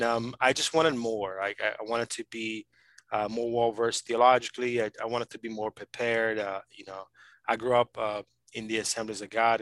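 An earnest Brazilian-born man, a PhD student hosting a podcast, holds a casual conversational interview, talking fast with many fillers and restarts. His lowish voice has a fairly bright tone, and the recording is dry with no echo but low in quality.

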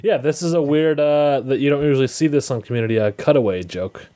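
A man co-hosting a casual podcast, animated and joking, with frequent restarts. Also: mid-range voice, quick pace. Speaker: podcast co-host. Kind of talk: casual chat.

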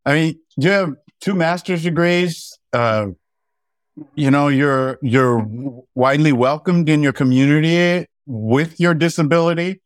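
A man's voice: fairly high pitch, dry recording. A man co-hosting an interview, speaking in an affirming, encouraging way. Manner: slow, affirming. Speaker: co-host. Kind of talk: interview conversation.

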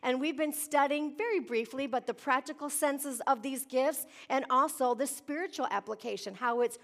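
Woman pastor, high-pitched, chatty informal sermon delivery, echoey big-hall church sound. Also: normal speed, a bit bright. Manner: chatty, exclamatory, addresses listeners with questions. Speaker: pastor teaching a congregation. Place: church sanctuary, speaking to congregation.

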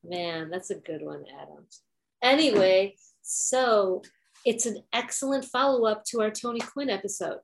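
A woman co-hosts a podcast in an easygoing, chatty way. She rambles a little and leans on "like" fillers. Her voice sits at an average pitch for a woman. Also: moderate pace, vocal fry. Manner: chatty, frequent "like" fillers, laughs easily. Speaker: podcast co-host. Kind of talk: casual chat.

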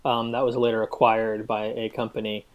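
Halting man, dry humor, filler-heavy. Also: lowish voice, little pitch movement. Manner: halting, many ums and uhs, dry humor. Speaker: guest app developer. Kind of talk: casual podcast chat. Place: cabin.

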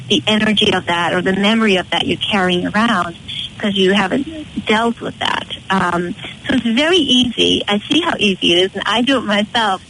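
A woman's voice: medium pitch, a bit bright. Woman with west of Ireland accent, noisy recording. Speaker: interview guest, retreat leader. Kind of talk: conversational interview.

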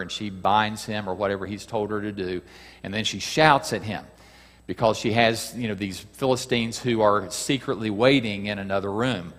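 A man's voice: lowish voice, fairly bright tone. A man teaching a Bible lesson as a sermon, talking with the listeners in a conversational way, asking them questions and reading passages aloud. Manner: acts out quoted cries with a raised voice. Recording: long hall reverb.

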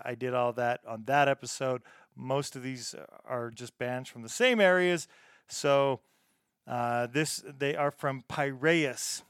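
A man talks casually as a music show host. His voice is clean and smooth at a middling pitch, in a very dry recording. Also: fairly bright tone, no echo.

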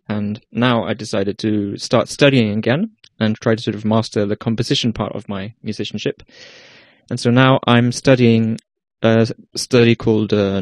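A man's voice: on the low side, darkish tone, no echo. A young man from Iceland with an Icelandic accent, a guest musician talking casually about his path and often restarting his sentences. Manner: hesitant, many restarts and fillers. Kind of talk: casual interview talk.

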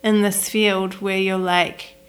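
In a mid-range voice with little pitch movement, a young woman from New Zealand speaks slowly in her Kiwi accent. A wedding photographer interviewed at her flat, she's chatty, laughs easily and fills her speech with "like."

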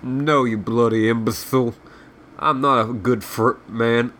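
In a lightly acted comic read-aloud, a man voices a surly, self-loathing sprite guide who rambles sarcastically and swears while insulting, sounding scornful and bitter. His medium-pitched, fairly bright voice is steady and a little slow. The background is clearly noisy.

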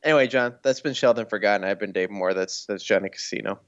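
A man's voice: fairly low pitch, fast talker. A man co-hosting a casual gaming podcast, chatting and signing off the show. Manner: signs off the show. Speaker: podcast co-host. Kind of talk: casual chat. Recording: dull lo-fi sound.

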